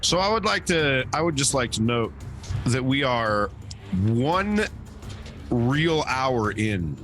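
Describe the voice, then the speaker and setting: A man plays a tabletop game and chats casually. His delivery is slow and very varied in pitch. Music is clearly heard behind him. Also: lively intonation, a bit bright.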